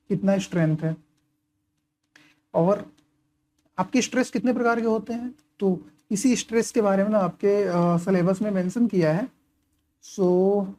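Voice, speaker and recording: This is a casual engineering lecture from a male tutor with a mellow, dark voice. While marking up and highlighting his notes, he throws out questions he answers on his own and checks in briefly along the way.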